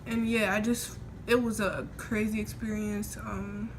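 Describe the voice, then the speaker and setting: In a noisy homemade recording with room ambience, a young adult woman chats as a vlogger, her mouth sore after oral surgery. She speaks at medium pitch in a level tone and at a measured pace, telling a personal story in an informal, rambling way and quoting herself.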